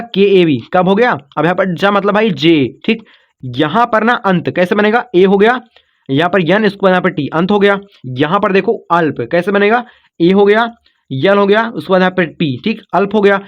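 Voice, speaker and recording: High-voiced male teacher, patient and repetitive. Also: moderate pace, dull audio. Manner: patient, repetitive explaining, breaks words into syllables; calls listeners "kids" and "brother", checks in with "okay". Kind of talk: online spelling lesson.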